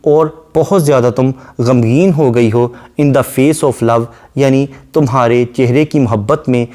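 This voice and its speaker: A man lecturing on a poem, reading each English line slowly and then explaining it at length. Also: mid-range voice, a little mellow. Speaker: literature lecturer.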